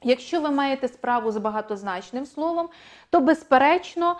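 A woman teacher giving an online exam-prep language lesson, speaking clearly and repeating key points for emphasis. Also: sits high, lively intonation, normal speed.

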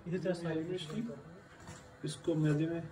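A man's voice: fairly high pitch, little pitch movement, normal speed, background noise. A man talking through a home cooking recipe step by step. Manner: plain step-by-step explaining. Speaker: cooking channel host. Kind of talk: cooking tutorial voice-over.

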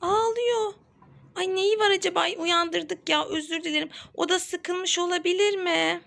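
A woman's voice: extremely high pitch, fairly even intonation, normal speed, creaky, fairly bright tone. A woman, a mother, narrating doll play for children in a chatty, sing-song way and talking to the viewers. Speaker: mother hosting a kids' toy channel.

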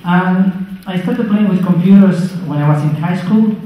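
A man's voice: high voice, normal speed. Argentine man lecturing in an echoey hall. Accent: Argentine Spanish. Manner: friendly, joking with the audience. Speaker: guest speaker. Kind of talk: lecture talk. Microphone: handheld mic. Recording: very echoey hall, dull sound.

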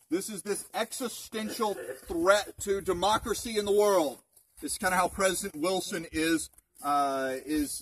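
A park ranger in his thirties gives a casual history talk to a group in open woods, his high voice carrying a breathy edge. He speaks conversationally and poses plenty of rhetorical questions. A camera a few metres away captures him through a distant outdoor mic.

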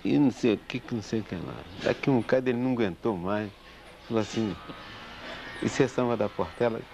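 Brazilian man telling a lively anecdote. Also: fairly low pitch, quick pace, vocal fry, background noise. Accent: Brazilian Portuguese. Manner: animated, acts out the people in his story. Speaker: samba composer. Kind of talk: casual storytelling. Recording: dull lo-fi recording with faint guitar.

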